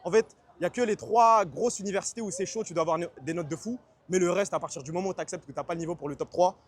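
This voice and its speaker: Fast-talking slangy male streamer. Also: high-pitched. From France. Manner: fast, slangy, chatty, answers chat. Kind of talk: casual livestream chat.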